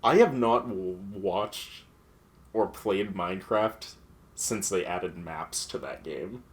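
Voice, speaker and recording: A man's voice: deep voice, expressive, takes it slowly. A man doing casual let's play commentary, a chatty, sweary storyteller telling anecdotes. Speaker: gaming commentator. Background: game music.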